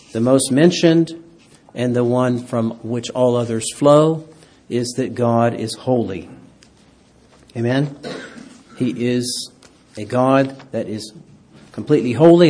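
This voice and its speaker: A man with a medium-pitched, darkish voice leads an interactive Bible lesson, repeatedly quizzing the class and asking them for an amen.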